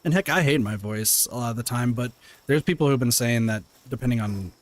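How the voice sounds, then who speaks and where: A man talks briskly at a medium pitch, his voice soothing, while casually chatting with his audience during a game stream. Lots of fillers and restarts fill his rambling, and he throws in the odd mild swear word.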